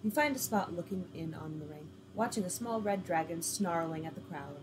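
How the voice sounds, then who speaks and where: A woman's voice: on the low side, expressive, moderate pace, background noise. A woman reading an interactive story game aloud, with casual, laughing asides.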